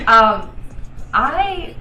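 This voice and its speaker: A woman's voice: high-pitched, bright, forceful tone. Tipsy, giggly woman in an echoey room. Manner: tipsy, getting drunker, rambling and giggly. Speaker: co-host of a TV series review. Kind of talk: casual, chatty review. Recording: echoey room, distant mic, music behind.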